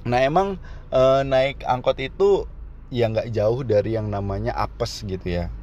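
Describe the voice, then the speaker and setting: Young man, casual comic vlogger, slangy and jokey, average pitch, muffled lo-fi sound. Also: measured pace, a little mellow. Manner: joking, slangy, laughs at his own jokes. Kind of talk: casual comedic monologue. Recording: dull, slightly muffled recording.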